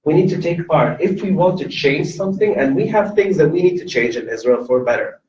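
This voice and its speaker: A man from Lebanon, a native Arabic speaker, tells his personal story to an audience at a university event, earnest and fervent, restarting and using fillers. His voice is a little high and mellow with lively intonation, recorded dull and distant in an echoey hall.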